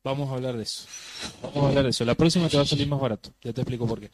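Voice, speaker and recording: A man with an Argentine Spanish accent, co-hosting a casual studio chat show, relaxed and jokey, explaining things to his co-hosts. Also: medium pitch, racing. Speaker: co-host.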